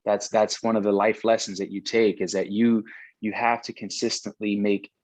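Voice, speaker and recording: Deep-voiced man, dry close sound. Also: flat delivery, moderate pace, a little mellow, no room sound, low-quality recording. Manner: rambling, many restarts. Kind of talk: casual conversation about baseball.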